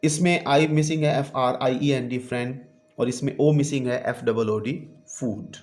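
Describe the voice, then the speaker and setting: A male teacher giving a bilingual classroom explanation. He reads each English phrase slowly, translates it, and keeps adding a polite "ji". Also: mid-range voice, fairly even intonation, darkish tone. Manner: patient, often adds the polite filler "ji".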